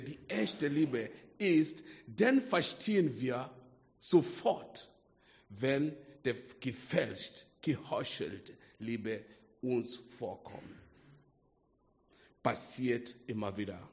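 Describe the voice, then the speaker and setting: Slow-speaking preacher man. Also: mid-range voice, lively intonation, gravelly. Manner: slow, halting delivery with restarts and broken grammar. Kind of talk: sermon. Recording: dull lo-fi sound in a reverberant hall.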